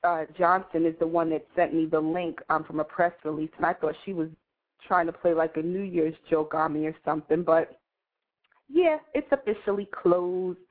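A woman's voice: low-pitched, normal speed. A woman hosting a morning show in a casual, chatty way, addressing listeners familiarly. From New York City, USA. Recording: tinny, phone-like internet radio line.

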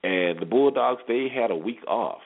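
A man of medium pitch speaks at a moderate pace with lively intonation, hosting a solo sports talk show. His conversational commentary leans on rhetorical questions and repeated points, heard over tinny phone-line internet radio audio.

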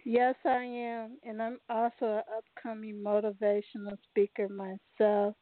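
A woman's voice: a little high, completely flat delivery, measured pace, no echo. A woman calling in over the phone. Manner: earnest and heartfelt. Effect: heard over a phone line. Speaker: caller to a radio show. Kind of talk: call-in chat. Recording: tinny phone line.

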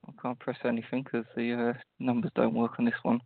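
A man talking casually and hesitantly as a prank caller, polite and deadpan as he rambles. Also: medium pitch, fairly quick, gravelly, narrow, tinny audio. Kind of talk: casual improvised prank call.

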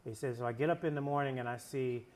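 A man's voice: mid-range voice, fast, a little mellow. A man hosting an interview, asking long rambling questions and backing the guest with constant short affirmations. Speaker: interview host. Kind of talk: casual interview talk.

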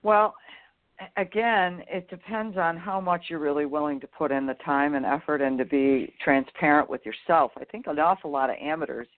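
A woman's voice: low-pitched, normal speed. Blunt woman golf coach, tinny phone sound. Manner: frank, blunt teaching talk. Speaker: golf instructor and co-host. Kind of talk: casual chat.

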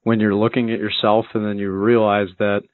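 A man's voice: on the low side, flat delivery, a little fast, no room sound. Reflective male interview host on a phone-like line. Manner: reflective and affirming, with restarts. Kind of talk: conversational interview. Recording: dry, phone-like audio.

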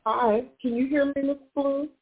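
A woman calling in to a radio show on a speakerphone, excited and gushing. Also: high-pitched, normal speed. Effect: phone on speakerphone. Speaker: caller. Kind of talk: call-in radio chat. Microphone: phone on speaker. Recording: tinny dry phone line.

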